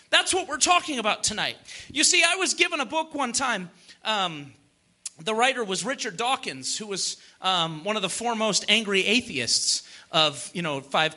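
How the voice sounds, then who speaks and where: A man's voice: very high-pitched, pushed and bright. A man preaching a sermon in a conversational way, full of emphatic rhetorical questions and repeated phrases.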